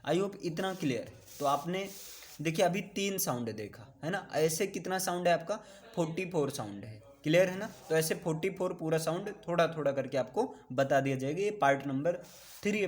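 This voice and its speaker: A man with an Indian accent teaching a classroom lesson on English sounds, repeating each sound and often asking if it is clear. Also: fairly high pitch.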